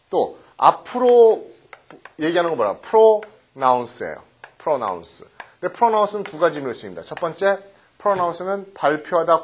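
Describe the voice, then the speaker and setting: Male lecturer, middle-aged, husky voice, lively rising and falling pitch, slightly high, quizzing tone. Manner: quizzing students with questions and "그쵸?" tags; mixes English words into explanations. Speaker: English vocabulary lecturer. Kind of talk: recorded lecture.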